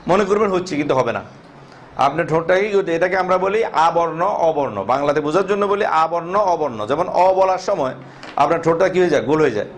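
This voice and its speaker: Slightly high-voiced man teaching letters. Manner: asks the class questions and answers them himself, drawing out letter sounds. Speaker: Quran teacher. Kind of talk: teaching Arabic letter pronunciation.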